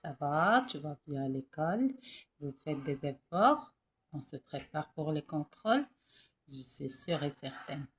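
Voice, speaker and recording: Husky-voiced woman teaching children to read. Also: sits low, very animated. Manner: warm, coaxing, repeats syllables slowly for children. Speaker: primary school teacher. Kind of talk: reading lesson for young children.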